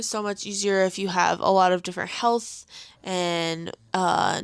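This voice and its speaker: An American woman chatting casually as a podcast host, with a clear, smooth voice at an average pitch. Her delivery is halting and conversational, her R's are a little soft, and the sound is close and dry. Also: no echo. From Colorado, United States. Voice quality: soft R's, not fully pronounced. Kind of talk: casual chat.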